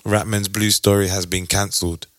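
A man's voice: on the low side, little pitch movement, normal speed, a bit bright, no room sound, clean studio sound. A young man with an urban London roadman accent, chatting casually in heavy street slang and repeating phrases for emphasis. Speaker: podcast co-host.

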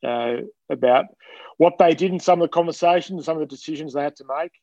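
Podcast guest: Australian male, understated casual talker, fast and relaxed, slightly lo-fi. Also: fairly high pitch, no echo. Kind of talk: casual chat.

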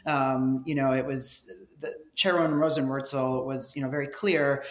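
A man giving conversational, halting answers as an interview guest, in measured explanations. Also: medium pitch, fairly even intonation, a bit bright, reverberant. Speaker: policy director, interview guest.

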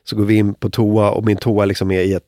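A man, a comedian guest telling a long anecdote in casual chat, animated and mimicking other people's voices. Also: on the low side, no echo, studio quality. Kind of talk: casual storytelling.

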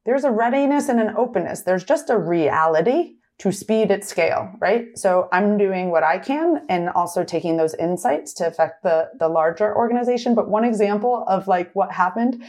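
A middle-aged woman being interviewed about her work, talking quickly with lots of "like" and "right?" tag questions. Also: medium pitch, animated, darkish tone. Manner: fast, filler-heavy, tag questions like "right?". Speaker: retail executive guest. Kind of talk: conversational interview.

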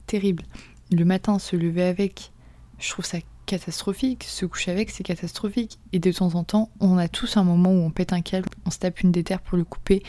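A young woman hosting a podcast in a casual confessional monologue, chatty and slangy, often dropping into soft whispered asides. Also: fairly low pitch, no room sound. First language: French. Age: young adult. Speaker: podcast host.

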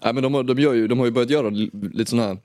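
A man's voice: mid-range voice, fairly even intonation, darkish tone, no echo. A young Swedish man from Småland co-hosting a casual podcast. His mid-range voice is close and dry, with no room sound. He swears freely, jokes and laughs as he talks. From Småland, Sweden. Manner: crude, joking, laughs often. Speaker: podcast co-host. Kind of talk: casual chat.

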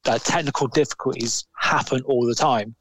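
A man's voice: mid-range voice, steady tone, normal speed, fairly bright tone. A man, co-hosting a podcast and telling a long, rambling story in casual chat, swearing now and then. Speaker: podcast co-host.

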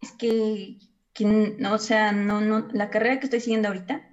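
A woman's voice: mid-range voice, flat delivery, normal speed, lo-fi sound. A young woman asking for advice, hesitant and searching, with many restarts. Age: young adult. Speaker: advice seeker. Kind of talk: casual conversation.

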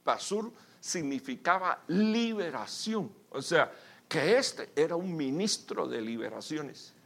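Man, pastor, sermon, gravelly fry, emphatic loud bursts. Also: a little high, sing-song, takes it slowly. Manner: addresses listeners as brother.

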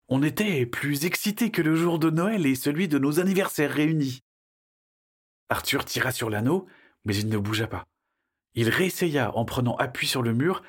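Husky man narrating a children's story. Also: medium pitch. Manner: lively storytelling, shifting into character voices.

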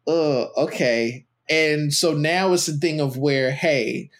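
Guy on a parenting podcast, kinda high voice, rambles and restarts a lot. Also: slow pace, fairly bright tone. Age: adult with a teenage son. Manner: rambling, many restarts, trailing off. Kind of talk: casual podcast chat.

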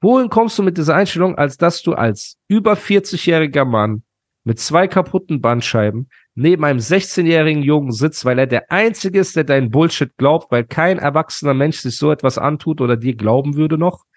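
A man's voice: fairly high pitch, animated, normal speed, dry recording, clean studio sound. A man hosting a podcast, ranting heatedly in casual slangy talk. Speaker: podcast host.

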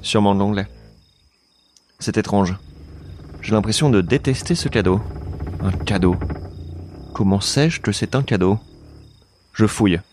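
A man's voice: fairly low pitch, unhurried, long pauses, darkish tone, a little hiss or hum. A man giving earnest, dramatic first-person narration for a scripted audio drama. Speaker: narrator and lead actor.

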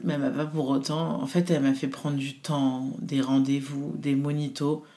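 A woman in her thirties telling a personal story in casual chat, animated and full of fillers, often quoting what others said. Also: very deep voice, normal speed.

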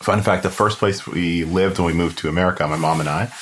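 Man, very low voice, laid-back, rambling, lots of filler words, podcast guest. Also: brisk, a little hiss or hum. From South Florida, US. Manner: relaxed, rambling, heavy use of "like". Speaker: guest photographer. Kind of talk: casual interview chat.

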